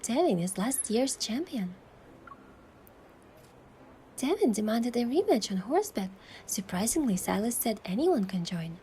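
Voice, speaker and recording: A woman with a slightly high, mellow, sing-song voice narrates a romance game story in the first person, speaking a little slowly and pausing often. She plays a thoughtful, affectionate young heroine in an earnest, reflective way, with music behind her and slight background noise.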